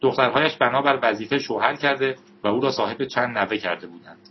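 A man narrating an audiobook in a steady, measured reading. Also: mid-range voice, husky. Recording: dull recording with faint hiss.

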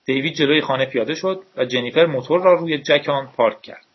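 A man reading a novel aloud in a steady, measured storytelling voice with a husky tone. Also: a little high. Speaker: audiobook narrator. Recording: dull lo-fi recording.

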